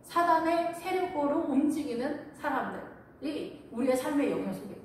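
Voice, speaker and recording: Woman pastor, lively sermon storyteller, distant mic in a reverberant church with faint noise. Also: sits high, normal speed. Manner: animated storytelling, acting out quotes. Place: church sanctuary. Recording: echoey church hall from far off.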